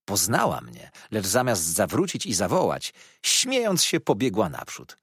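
Male narrator, low husky voice, lively intonation, dry close recording; classic first-person audiobook read. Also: no room sound. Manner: expressive, measured reading.

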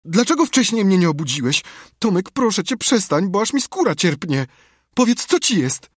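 A man's voice: high voice, very animated, moderate pace, no echo, clean studio sound, pitched above the performer's own voice. A man voicing a frightened young boy who pleads in alarm, in a storybook reading. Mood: worried.

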